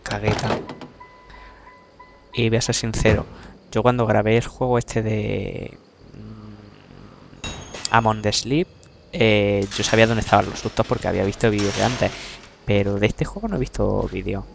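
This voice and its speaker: A man's voice: on the low side, steady tone, a little slow, creaky, long pauses, slight background noise. A young man from Spain giving casual let's-play commentary, chatty and self-mocking, swearing casually as he goes. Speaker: gameplay commentator. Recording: game music playing loudly behind.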